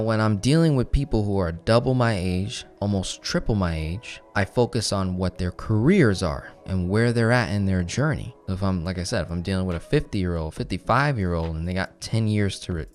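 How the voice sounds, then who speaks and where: A young man leads a live online finance class. He talks with energy and keeps tossing rhetorical questions at his listeners. His voice sits a bit on the low side. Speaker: finance coach.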